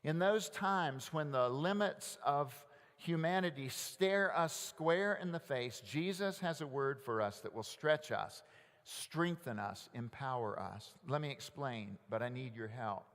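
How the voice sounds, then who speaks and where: A man preaching a sermon as pastor, asking rhetorical questions and leading the congregation in call-and-response, often dropping soft and low. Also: lively intonation, unhurried. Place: large church sanctuary. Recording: long church reverb.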